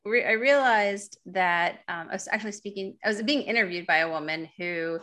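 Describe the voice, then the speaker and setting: A woman's voice: mid-range voice, normal speed, pushed and bright. A woman author being interviewed, answering casually with hesitant, filler-heavy replies. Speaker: author and guest.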